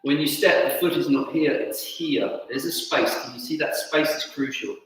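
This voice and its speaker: A man teaching tai chi, giving calm, unhurried step-by-step instructions in short phrases. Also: a little high. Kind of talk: instructional movement cues. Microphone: camera at a distance. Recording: very echoey hall, distant mic, faint music.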